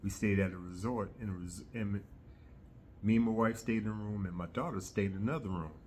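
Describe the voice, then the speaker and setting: A middle-aged man chatting casually to his viewers in a rambling, halting way, often pausing mid-sentence. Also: fairly low pitch, darkish tone, a little hiss or hum. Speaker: host of a hobby video channel. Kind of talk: casual rambling vlog chat.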